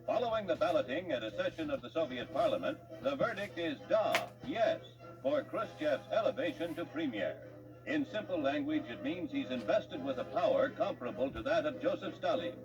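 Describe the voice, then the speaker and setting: An American man delivers scripted 1950s newsreel narration in a dramatic, declamatory announcer style, his fairly high voice swinging widely in pitch at a normal speed. The soundtrack is muffled and distant, typical of a 1950s newsreel, with loud music in the background.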